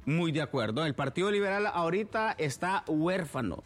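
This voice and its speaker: A man co-hosting a political radio show. He needles his partner with quick quips and tag questions. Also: a little high, expressive, soft background music. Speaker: radio talk show co-host covering congress.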